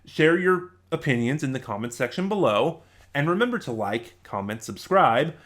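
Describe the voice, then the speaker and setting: Very animated at a normal speed, a man with a mid-range, fairly bright voice delivers a loose, unscripted review. As the reviewer and channel host, he meanders and revises himself as he goes.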